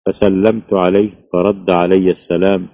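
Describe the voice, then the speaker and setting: Man slowly reading an old text, really deep monotone, muffled dry sound. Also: no echo. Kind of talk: reading a classical text aloud. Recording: dull lo-fi, dry.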